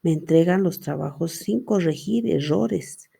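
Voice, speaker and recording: A woman's voice: fairly low pitch, unhurried, creaky, warm tone, husky. A middle-aged woman giving a university lecture on spelling, explaining step by step and asking rhetorical questions she answers herself. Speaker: university language teacher. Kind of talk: lecture reviewing student assignments.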